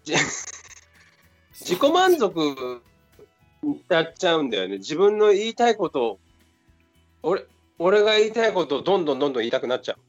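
A man co-hosting a casual comedy podcast, talking in a relaxed, reflective way. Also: fairly high pitch, moderate pace, long pauses, no echo, faint music behind. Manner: relaxed, reflective, laughs along. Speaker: podcast co-host.

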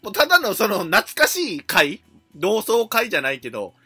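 Kansai guy ranting on a comedy podcast, swings his voice all over, bright and a bit husky, faint music behind. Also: sits high, moderate pace. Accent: Kansai Japanese. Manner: animated, acts out quoted lines with loud jumps. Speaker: podcast co-host. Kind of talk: casual comedy podcast chat.

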